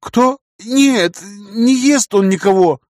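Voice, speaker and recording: A man's voice: sits high, expressive, fairly quick, no echo, studio quality, voice pushed up. A man doing a trembling, terrified teenage captive. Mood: frightened. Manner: trembling, pleading.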